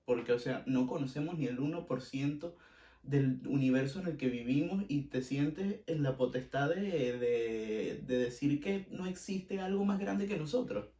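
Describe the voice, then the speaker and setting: A man's voice: on the high side, animated, normal speed, warm tone, reverberant, far from the mic. A man with a Venezuelan accent hosting a casual podcast, giving blunt opinions and repeating himself for emphasis. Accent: Venezuelan Spanish. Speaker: podcast host.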